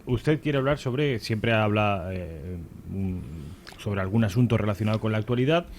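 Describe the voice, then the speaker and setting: A man's voice: on the low side, normal speed, slight background noise. A man hosting an interview, asking questions hesitantly with many fillers. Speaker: host. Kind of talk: radio interview.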